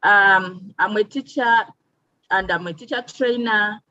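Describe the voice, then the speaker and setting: Woman teacher from Uganda, mid-pitch, measured webinar delivery with filler pauses, muffled dry call audio. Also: bright, forceful tone, no echo. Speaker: teacher and teacher trainer. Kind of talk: online webinar presentation. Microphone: video call.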